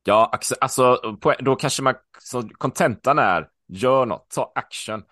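A man co-hosting a podcast, talking in a loose, casual way with restarts and swearing, growing animated as he tells stories. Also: medium pitch, no room sound, studio quality. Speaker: podcast co-host, coach.

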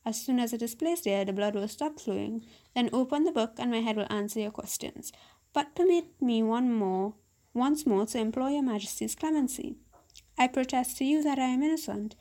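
A condemned male court physician from an old fairy tale, voiced by a woman reading aloud, speaking with grave formality. The tone is soft and mellow, a little higher in pitch. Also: lively intonation, moderate pace. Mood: imploring. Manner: formal archaic speech.

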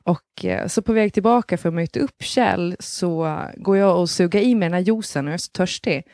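A woman in her thirties tells a story in a casual podcast chat with a lowish voice. She laughs often, swears casually and acts out other people's lines. The recording is dry and close. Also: a little mellow, no echo. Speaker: podcast co-host.

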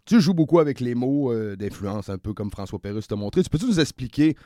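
Relaxed podcast host. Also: male voice, mid-range voice, a little fast, no echo, clean studio sound. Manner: short affirmations, relaxed questions. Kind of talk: casual interview.

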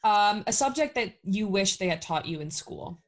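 Woman, interviewer, medium pitch, upbeat, quick questions. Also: lively intonation. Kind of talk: casual interview.

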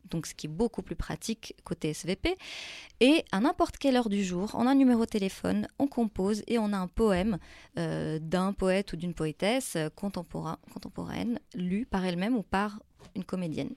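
A woman's voice: lowish voice, dark tone, dry recording, clean studio sound. A woman speaking spontaneously as an interview guest, hesitant and often searching for her words.

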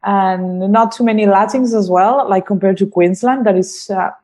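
A woman's voice: mid-range voice, normal speed, dark tone. A woman from Spain with a Spanish accent, a guest chatting casually and laughing often. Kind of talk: casual chat.

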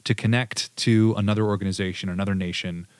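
A man with a low voice hosts a casual history podcast. He talks conversationally and reads out quotes from his sources. The sound is dry and close. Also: steady tone, fast talker, clear, resonant tone, dry recording. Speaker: podcast host.

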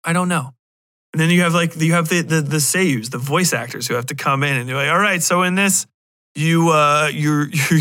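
A man with a fairly high voice hosts a podcast, rambling casually through a review while swearing bluntly and irreverently. His animated joking asides act out remarks he imagines. There's no echo.

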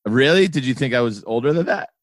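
A man's voice: medium pitch, animated, quick pace. A man of forty, a guest on a podcast, chatting casually in an easygoing, joking, rambling way. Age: 40s. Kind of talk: casual chat.

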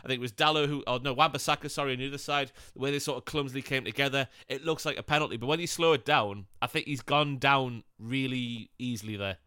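A man co-hosting a football podcast, talking in a blunt, casual way with plenty of swearing. His voice is bright and smooth. He is recorded close on a dry mic. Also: medium pitch, quick pace, few pauses, dry recording. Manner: blunt, swears casually, slips into mocking impressions. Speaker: podcast co-host.

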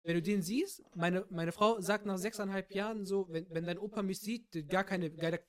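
Higher-voiced man telling stories. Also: normal speed. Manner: animated storytelling. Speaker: podcast host. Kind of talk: casual chat.

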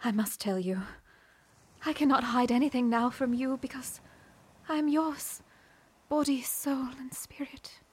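An actress playing Ida, a Victorian wife who speaks in hushed, breathy tones while hiding a guilty secret. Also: female voice, high-pitched, measured pace. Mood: anxious. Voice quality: breathy, often whispering. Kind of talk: radio drama acting.

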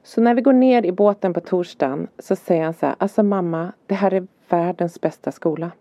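Lively Swedish mother telling stories. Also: on the low side, no echo. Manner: animated storytelling, acting out her son's and her own lines. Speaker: podcast co-host. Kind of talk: casual chat. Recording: slightly dull dry podcast audio.

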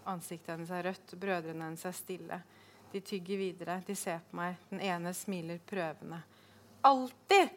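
A woman reading aloud from her own novel, measured and deliberate, with sudden sharp outbursts in the dialogue. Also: on the low side, flat delivery, a little hiss or hum. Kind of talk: literary reading.

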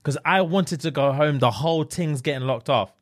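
A man's voice: a little high, normal speed. A man with a London roadman accent and street slang, chatting casually and acting out dialogue as he tells stories. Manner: animated storyteller acting out dialogue. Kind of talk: casual chat.

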